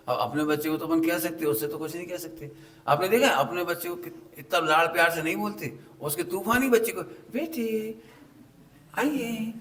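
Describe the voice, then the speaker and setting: A man's voice: a little high, creaky, a little hiss or hum. A middle-aged man giving a sermon to an audience, telling homely stories and acting out the voices in them, often asking the listeners questions. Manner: animated storytelling, acts out quoted voices, asks the audience questions. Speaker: Jain scripture teacher.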